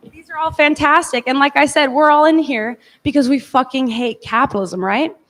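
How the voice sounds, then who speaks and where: A woman's voice: sits high, moderate pace, fairly bright tone. A woman giving an informal lecture to a class in a casual, hedging way, speaking in a large echoey room. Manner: casual, hedging, often says like. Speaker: teacher leading a class. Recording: echoey hall, long reverb.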